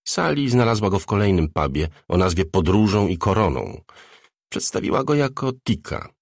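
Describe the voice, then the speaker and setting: A man narrating an audiobook in a measured, expressive reading. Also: on the low side, vocal fry, dry recording, clean studio sound. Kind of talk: scripted narration.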